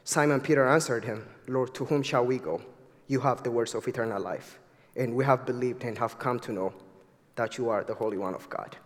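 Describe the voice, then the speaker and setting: Speaking a little fast in a mid-range voice, this young Ethiopian man in his twenties preaches to the congregation as a guest, eager and earnest, his accent clearly Ethiopian. The church sanctuary leaves a long reverb tail.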